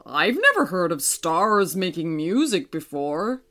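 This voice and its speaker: A woman voicing a gentle, ancient male moon who speaks slowly and kindly, with an air of wonder. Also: lowish voice, big pitch swings, voice pushed down.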